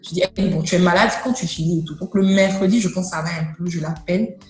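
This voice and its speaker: A woman's voice: lowish voice, steady tone, fast, reverberant, faint music behind. A woman giving a personal faith testimony, telling her story animatedly and acting out the dialogue. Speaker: guest sharing a testimony.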